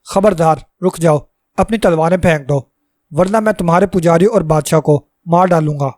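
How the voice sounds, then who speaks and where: Man as bold boastful hero, menacing threats, storybook reading, fairly high voice, dry close sound. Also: darkish tone, dry recording, close to an everyday voice. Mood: commanding.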